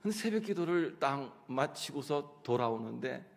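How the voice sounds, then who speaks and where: A middle-aged man preaching a sermon, telling personal stories in an animated way and acting out his own prayers and conversations. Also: medium pitch, normal speed, creaky. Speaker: pastor. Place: church sanctuary. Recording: long church hall reverb.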